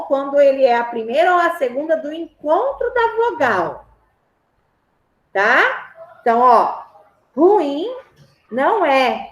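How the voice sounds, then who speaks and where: Brazilian female schoolteacher, unhurried and patient, roomy sound. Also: sits high. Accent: Brazilian Portuguese. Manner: patient, repeats and checks understanding. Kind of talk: grammar lesson to a class. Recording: roomy echo.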